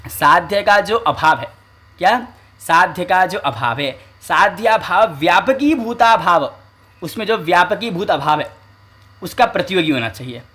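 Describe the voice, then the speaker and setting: A man with a slightly high-pitched voice gives a teaching lecture. He keeps asking questions and then answering them himself. Now and then he recites verses in a slow, chanting way. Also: a bit bright. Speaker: Sanskrit logic teacher. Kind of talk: explanatory lecture.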